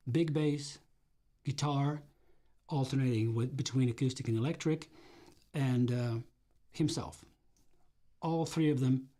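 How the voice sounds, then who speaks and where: A man in his fifties from Sweden hosts a relaxed livestream, wandering through memories of records and studio work. His voice is warm and dark, with nothing bright in it. He breaks into little mouth sounds to show a groove. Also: mid-range voice. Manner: rambling, hums rhythms with mouth sounds. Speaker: livestream host and music producer. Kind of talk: casual livestream chat about music.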